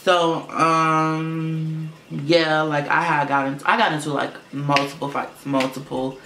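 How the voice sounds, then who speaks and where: Level and sharp in tone at a measured pace, a young male vlogger rambles through a storytime monologue to camera, full of fillers and swearing. He describes his voice as low for a boy, sounding like a girl's. Roomy echo and a faint fish tank filter hum fill his room at home.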